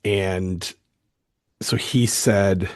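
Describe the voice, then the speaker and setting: A man's voice: low-pitched, steady tone, extremely slow, darkish tone. A man hosting a solo podcast, talking earnestly and emphatically, often stammering and restarting his sentences. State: fired up. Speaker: podcast host.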